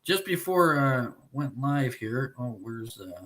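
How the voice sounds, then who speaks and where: A man hosting a live stream, chatting casually and bluntly with a guest, swearing often and filling pauses with "uh". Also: mid-range voice, animated, a bit bright. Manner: blunt and profane, with frequent filler words. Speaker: livestream show host.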